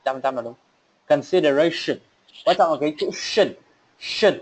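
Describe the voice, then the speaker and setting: A man teaching an online English class, repeating words slowly and checking that learners follow. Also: on the high side, darkish tone, slight background noise, rough recording. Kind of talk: online class drilling pronunciation.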